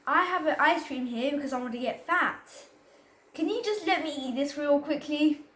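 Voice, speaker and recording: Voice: sits high, moderate pace, a bit bright. A child presenter talks informally to young viewers and reads a story, in a playful, chatty way. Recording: echoey room.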